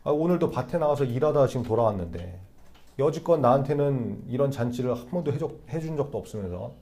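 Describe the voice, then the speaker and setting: A preacher voicing an indignant elder son. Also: male voice, medium pitch, lively intonation, fast, warm tone, natural voice. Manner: indignant, complaining. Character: resentful grown elder son arguing with his father. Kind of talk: acted quote in a sermon.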